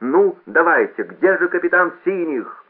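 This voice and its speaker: A man voicing a brash male announcer booming over a loudspeaker, bossy and mocking, on a lo-fi line. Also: big pitch swings, unhurried. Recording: lo-fi phone-like audio.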